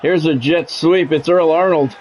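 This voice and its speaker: In a fairly high-pitched, unhurried voice with a darkish tone, a middle-aged man gives radio-style play-by-play of a sports video game as a gaming streamer. He delivers short clipped calls mixed with casual, salty asides, over slight background noise.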